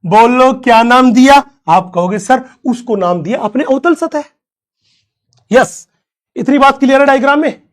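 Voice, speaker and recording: A man from India teaching a classroom lecture, slowly repeating key terms and asking questions that he answers himself. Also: extremely high pitch, lively intonation.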